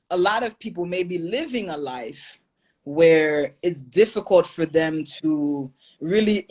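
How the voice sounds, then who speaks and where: A young adult woman from Haiti appears as a podcast guest in a casual interview, speaking earnestly and reflectively and laughing easily. Her voice is deep and slightly rough.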